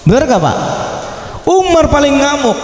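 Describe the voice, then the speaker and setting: A man's voice: extremely high pitch, sing-song, moderate pace. A middle-aged man giving a sermon at a religious celebration, telling a story and putting questions to the audience. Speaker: preacher. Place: prayer room at a religious celebration. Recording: echoey hall, faint noise.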